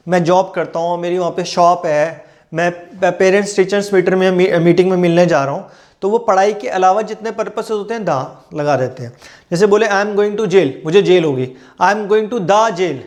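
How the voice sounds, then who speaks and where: During an exam-prep lesson, this high-pitched male teacher explains English grammar in Hindi. He reads the English examples at a slow pace and puts questions to the class, answering them himself.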